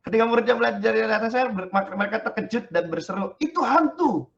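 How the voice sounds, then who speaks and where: A male pastor preaches in relaxed slang, joking with his listeners between scripture readings. His voice sits high for a man, and the dull, lo-fi sound softens it. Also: very fast, vocal fry. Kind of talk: casual youth sermon.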